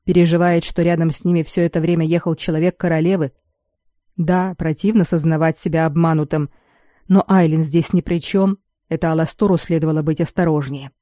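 A narrator reading a fantasy novel as an audiobook in a measured, even way. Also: mid-range voice, dry recording, studio quality.

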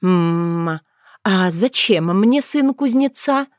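A composed young witch with a wry, teasing calm, from an audiobook fairy tale, as a woman narrator voices her. Her pitch rises and falls in a lively way, recorded close and dry. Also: slow, dry recording. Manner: calm, mildly mocking.

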